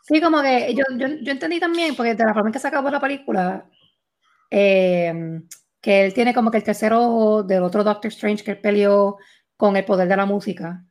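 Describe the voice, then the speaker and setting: A woman's voice: medium pitch, normal speed, darkish tone. A woman co-hosting a podcast, chatting casually about a movie and mixing in English phrases. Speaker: podcast co-host.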